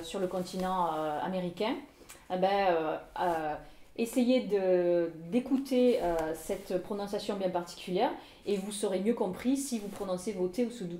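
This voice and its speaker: A woman explains pronunciation in a lesson, pausing often on fillers and repeating each example word twice. Her voice is mellow and soft-edged. The room adds a clear echo. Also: on the low side. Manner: hesitant with many fillers, demonstrates words twice. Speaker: English teacher.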